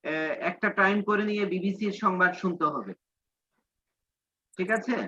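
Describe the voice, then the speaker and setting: Male teacher, patient and explanatory, bright tone over a dull lo-fi line. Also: high-pitched, a little hiss or hum. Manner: reads English slowly, then explains in Bengali. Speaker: English teacher. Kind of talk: online class lesson.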